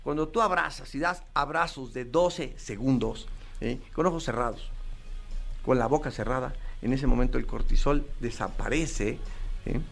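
A man's voice: mid-range voice, normal speed, creaky, faint music behind. A man giving parenting advice in an earnest coaching manner, speaking to the listener directly. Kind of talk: advice talk.

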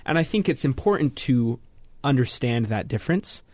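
Measured teenage boy on a radio panel. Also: mid-range voice, lively intonation, a little mellow, no room sound. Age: teens. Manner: measured, explanatory, frequent ums. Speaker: teen panelist. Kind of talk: thoughtful radio panel talk. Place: radio studio.

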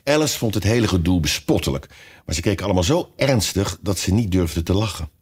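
A man narrating a children's storybook audiobook in an expressive, measured way. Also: low voice, slightly rough.

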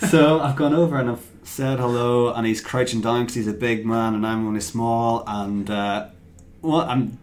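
A man's voice: mid-range voice, steady tone, normal speed, hardly any pauses, slight background noise. A man, a podcast guest telling a self-mocking story in casual chat. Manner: chatty, self-mocking anecdote teller.

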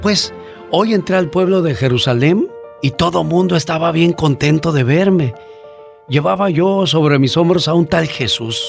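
A man's voice: on the high side, unhurried, gravelly, soft background music, voice pushed up. A man voicing a naive young male donkey telling his mother about his day. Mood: excited. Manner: eager storytelling voice, a child talking to his mother.

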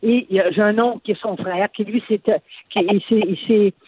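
An older woman, calling in to a radio talk show, talking earnestly with many halting restarts. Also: medium pitch, fairly even intonation, slightly rough, dry recording. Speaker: caller. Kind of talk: phone-in radio chat. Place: on a phone call from abroad. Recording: tinny phone line.

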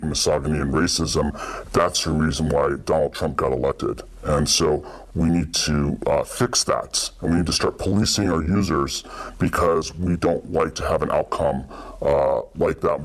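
A man speaking in a casual, plain way as an anonymous informant in a recorded interview clip, his voice electronically altered to disguise it. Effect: electronically altered, disguised deep voice.

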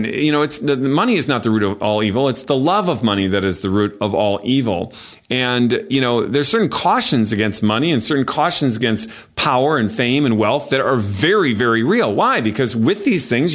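Male podcast host, mid pitch, animated, emphatic, faith advice talk.

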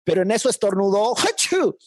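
A man with a Mexican accent telling a comic anecdote in casual chat, animated and quick to laugh. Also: fairly high pitch, no echo. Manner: animated, laughs often, acts out voices in anecdotes. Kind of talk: casual comedic storytelling.

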